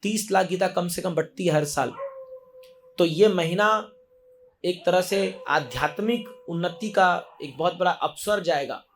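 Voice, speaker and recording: A man preaches to a gathering of devotees, his voice sitting high for a man. He drives his points home with insistent repetition and drops English words into his Hindi as he urges listeners to act. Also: a little slow, fairly bright tone, a little hiss or hum. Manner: emphatic, exhorting, repeats key phrases. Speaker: temple preacher. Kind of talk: sermon to devotees.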